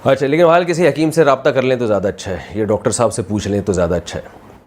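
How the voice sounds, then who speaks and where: A man's voice: mid-range voice, fairly even intonation, darkish tone. A man giving a sermon as a religious scholar, conversational and joking, with frequent asides to the audience. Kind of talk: sermon with anecdotes and humor.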